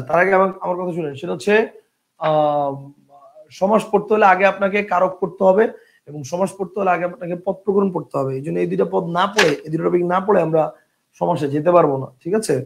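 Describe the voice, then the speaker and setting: Male teacher, lecture delivery, fast and gravelly, drills words by repetition. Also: high-pitched. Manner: explains rules with many examples, checks "ঠিক আছে?"; repeats words slowly to drill spelling. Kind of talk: online class lecture.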